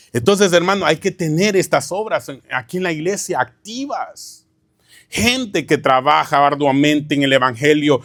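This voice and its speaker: Pastor guy preaching in church, bit high voice, keeps going "hermano?" at the crowd. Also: fairly bright tone, no room sound, studio quality. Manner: peppers lines with "hermano" and rhetorical questions. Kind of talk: teaching sermon.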